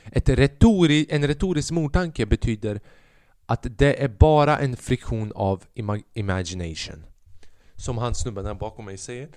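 A man's voice: medium pitch, a little mellow, clean tone, dry recording, clean studio sound. A young man, a podcast host and stand-up comedian, telling a rambling, profane story in a casual monologue.

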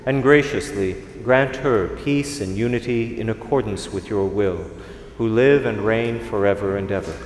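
A male priest recites liturgical prayer solemnly and formally. His voice rings through a large church with cathedral echo and long reverb. There is faint noise behind him. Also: lowish voice. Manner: measured, formal phrasing.

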